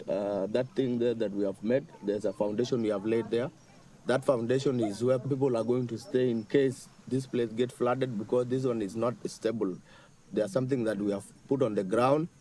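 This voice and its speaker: A man's voice: fairly low pitch, warm tone. A young man from Sudan, a fisherman speaking earnestly and plainly about his work outdoors at a riverside fishing camp. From South Sudan. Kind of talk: interview on camera.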